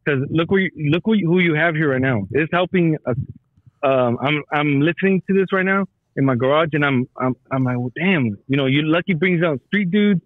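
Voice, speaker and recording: Casting: male veteran phoning a podcast, sweary casual talker, dry and dull low-fidelity audio. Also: a little fast, no echo. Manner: profane, slangy, repeats himself. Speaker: military veteran calling in to a podcast. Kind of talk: casual chat. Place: calling from a garage.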